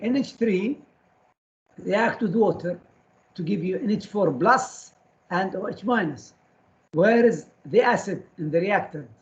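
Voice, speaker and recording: A man's voice: sits high, expressive, unhurried, muffled recording. A man lecturing a class on chemistry, firing short questions at students and repeating key terms so they stick.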